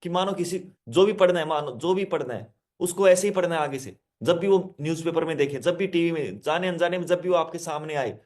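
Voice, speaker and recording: A man's voice: on the high side, brisk, few pauses, a little mellow. A male hypnotherapist giving a self-help lesson, speaking directly to listeners, repeating his instructions and explaining with simple word examples.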